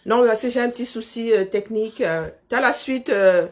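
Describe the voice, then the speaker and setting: A woman with a lisp that makes her s sounds slushy, chatting casually and haltingly, often repeating words as she thinks. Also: a little high. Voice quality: husky, creaky voice. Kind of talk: casual chat, talking to herself and on a phone call.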